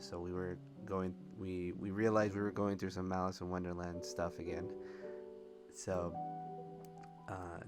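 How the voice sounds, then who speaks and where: A man doing casual, rambling commentary over video game footage and laughing often. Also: low voice. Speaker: gameplay commentator.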